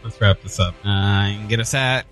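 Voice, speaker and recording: A man's voice: fairly low pitch, a little fast, a bit bright. Guy cohosting a gamer podcast, laughs a lot, jokey, faint music behind. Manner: laughing, joking, exclamatory. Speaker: podcast co-host. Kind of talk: casual chat.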